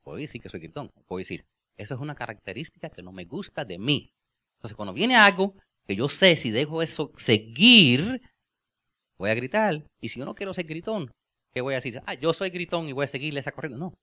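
Male pastor giving a church sermon, mid-pitched voice, jokes then slows right down to stress key lines. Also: expressive, bright, forceful tone. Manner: playful, joking asides and laughter; drawn-out emphatic phrases.

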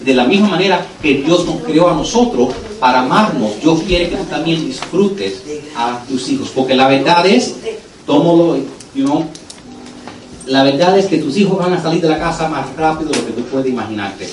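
A pastor preaching a sermon in church, earnest and turning lively when he tells a story, with English words dropped in. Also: a little high, moderate pace, distant mic, noisy background. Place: church sanctuary. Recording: echoey church hall, voice from afar, music under it.

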